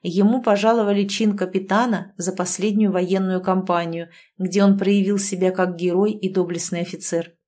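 A woman reading a historical romance novel aloud in measured, scripted narration. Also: medium pitch, fairly even intonation, warm tone. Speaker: audiobook narrator.

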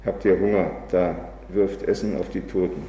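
A man reading aloud as a bitter, drunken old male revolutionary, in a flat, weary recitation. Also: low voice, moderate pace, recorded from a distance, lightly acted. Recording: echoey hall, faint background noise.

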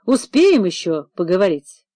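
A woman's voice: lowish voice, sing-song, a little slow, warm tone, no echo. A woman voicing a blunt, confident male detective colleague who speaks matter-of-factly. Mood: assured.

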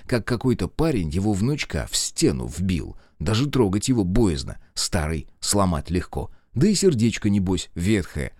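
A man's voice: fairly low pitch, a little mellow, dry recording, studio quality. A man narrating a first-person action story as an audiobook, telling it dramatically.

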